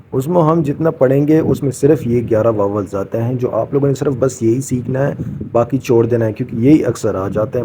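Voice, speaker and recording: A man's voice: medium pitch, mellow, slight background noise. A man teaching a casual beginners' language lesson, patiently repeating each sound and encouraging his students.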